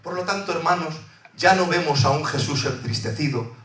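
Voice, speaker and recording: Preacher guy, high piercing voice, shouts then drops low, echoey church a bit off mic. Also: expressive, moderate pace, recorded from a distance. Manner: swings from loud shouting to hushed, rising to fervent peaks. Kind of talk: sermon. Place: church hall.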